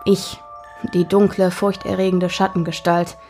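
A woman narrating a scripted spooky Halloween story in a measured storytelling manner. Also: lowish voice, flat delivery, dark tone, soft background music.

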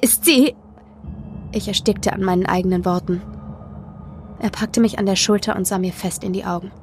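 A woman narrating a horror story in the first person, with tense, expressive delivery. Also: medium pitch, fairly quick, soft background music. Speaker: podcast narrator. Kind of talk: dramatic horror story reading.

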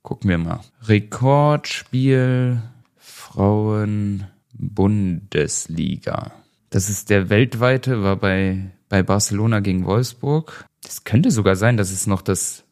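Nachdenklicher Mann im Podcast-Plausch. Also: male voice, on the low side, unhurried, a little mellow. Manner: hesitant, thinks aloud while searching online. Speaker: podcast co-host. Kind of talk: casual podcast chat.

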